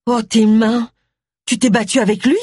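A reader voicing an excitable middle-aged woman who exclaims and gasps her lines, high and breathless. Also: moderate pace, breathy edge, dry recording, studio quality. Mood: furious. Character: flustered, fiery middle-aged woman heroine.

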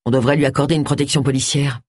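An earnest male police officer argues his point, read by a woman narrator in her own husky voice. The sound is dry and close. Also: very deep voice, steady tone, very fast, darkish tone, no room sound.

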